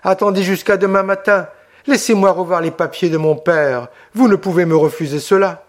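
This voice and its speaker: A man's voice: fairly high pitch, expressive, unhurried, a little mellow. A man reading the part of a passionate young Corsican woman who pleads vehemently with her brother. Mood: pleading.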